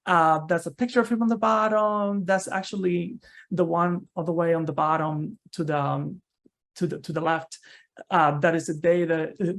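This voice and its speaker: A man's voice: on the high side, steady tone, normal speed, fairly bright tone. A man from Cuba, a university researcher giving an online seminar talk over a video call in a conversational way, often tagging his sentences with "right?" and restarting phrases.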